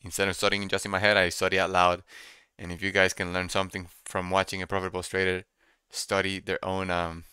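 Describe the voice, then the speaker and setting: Bright, low-pitched young man thinking aloud. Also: monotone, fairly quick, hardly any pauses, clean tone, no room sound, studio quality. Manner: repeats phrases while musing to himself. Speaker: day trader streaming live. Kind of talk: casual live trading commentary, thinking out loud. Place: small room indoors at a computer desk.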